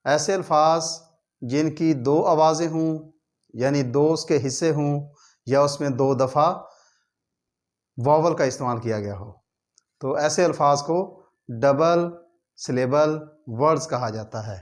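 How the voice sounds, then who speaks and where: A man gives a classroom grammar lesson, slowly spelling out each word letter by letter. His voice sits a little high for a man, and he talks at an unhurried, drawn-out pace. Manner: slow, deliberate, spelling words out letter by letter. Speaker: teacher. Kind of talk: grammar lesson explaining in Urdu-flavored Hindi.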